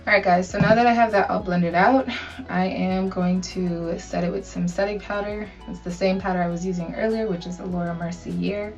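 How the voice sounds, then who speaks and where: A woman's voice: on the low side, fairly even intonation, moderate pace, highs cut off. A young woman vlogger talking casually and chummily to her viewers with slang as she does a makeup tutorial. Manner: informal, chummy, addresses viewers directly with slang. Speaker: beauty vlogger. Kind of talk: casual chatty get-ready-with-me makeup tutorial. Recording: distant mic, music in background. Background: background music.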